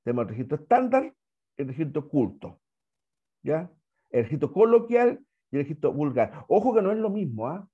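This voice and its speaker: A man's voice: a little high, very animated, normal speed, husky, phone-quality sound. A Chilean man teaching an online language class, chatty and repetitive, often checking in with "¿ya?". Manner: chatty, repeats words, asks "¿ya?" often.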